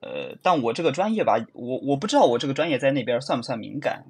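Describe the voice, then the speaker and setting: Young guy calling in, kinda husky, stammers and repeats himself a lot. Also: medium pitch, sing-song, fast. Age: young adult. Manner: hesitant, stammering, repeats words. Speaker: caller. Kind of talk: call-in chat.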